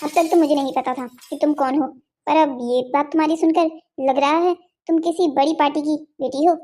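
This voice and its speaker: Cartoon villain: woman playing a sneering male kidnapper, high and soft-toned, taunting. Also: steady tone, brisk, natural voice. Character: swaggering male sword-wielding kidnapper, mocking.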